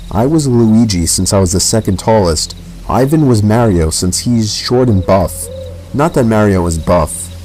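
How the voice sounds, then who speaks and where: A man narrating a first-person horror story in a measured, unhurried way. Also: fairly low pitch, a little mellow, rough recording.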